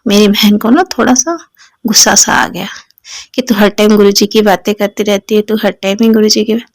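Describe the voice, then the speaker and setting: A woman's voice: medium pitch, gravelly, dry recording, rough recording. A middle-aged woman telling a devotional personal story to a congregation, rambling and often addressing the listeners respectfully. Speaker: devotee sharing testimony.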